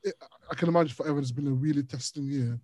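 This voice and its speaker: A man's voice: on the high side, very fast, no echo. A young man co-hosting a podcast, telling stories in casual chat and laughing often. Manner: animated storyteller, laughs often. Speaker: podcast co-host.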